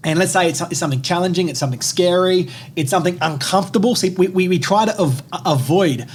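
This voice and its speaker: A young man co-hosting a motivational podcast, talking in an energetic, emphatic way and swearing casually. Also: high voice, quick pace, slightly rough. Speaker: podcast co-host. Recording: faint background noise.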